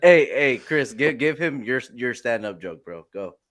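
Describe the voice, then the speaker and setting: A man's voice: medium pitch, expressive, a little slow, fairly bright tone, no echo, studio quality. A man hosting a casual chat on a video call, loose and rambling with lots of filler. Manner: loose, rambling, says dude a lot. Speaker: host.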